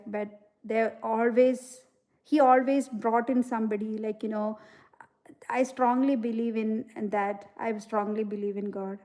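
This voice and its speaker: A woman from India hosts a casual livestream in a mid-range, somewhat dark voice. Earnest and reflective, she uses lots of "you know" fillers as she reads out viewer comments and answers them.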